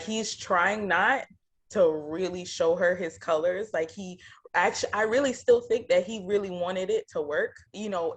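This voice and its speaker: A woman's voice: fairly low pitch, husky. A woman co-hosting a reality TV reaction show, talking in casual slang and laughing often.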